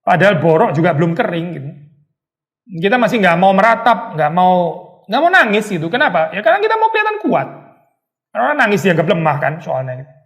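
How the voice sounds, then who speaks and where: A male pastor leads a Bible study in an easy, conversational way. His voice sits high and he keeps it animated, dropping English words into his talk. Now and then he acts out a stern little scolding line. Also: fast, vocal fry.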